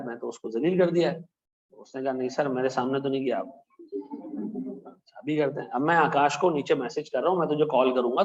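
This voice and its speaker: Male teacher, slightly high voice, chatty storyteller who keeps checking in with the class; recorded in a muffled, echoey classroom. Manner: chatty, tells stories, keeps asking "theek hai na?". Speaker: accounting teacher. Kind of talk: classroom lecture with anecdotes. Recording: echoey classroom, dull lo-fi sound.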